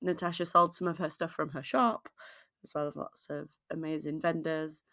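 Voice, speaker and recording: A woman in her thirties co-hosting a podcast, playful and quick to laugh in casual chat. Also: sits low, little pitch movement, a bit bright. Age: 30s. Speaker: podcast co-host.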